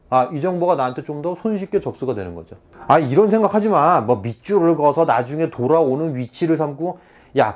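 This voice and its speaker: A man tutoring students for an exam, lecturing in a chatty, animated way, often checking in with "right?" and acting out little scenes. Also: on the high side. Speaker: Korean-language exam tutor.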